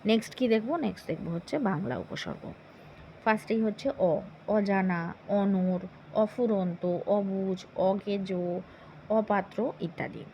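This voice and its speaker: A woman teacher walks through an exam-prep grammar lesson at an unhurried pace. She recites long lists of words one after another and opens each list with a question to herself. The recording is a little dull, with a faint hum underneath. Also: medium pitch.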